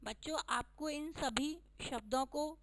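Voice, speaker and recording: A woman teacher giving a recorded lesson to young children, speaking slowly and stressing each vowel sign with care. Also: high-pitched, fairly bright tone, dry recording, rough recording. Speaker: schoolteacher.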